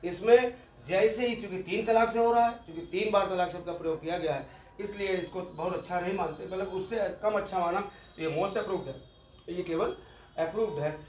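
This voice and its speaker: A man's voice: sits high, normal speed, a little mellow, echoey room, slight background noise. A man giving an exam-focused law lecture, explaining step by step and repeating key terms, with English legal words mixed in.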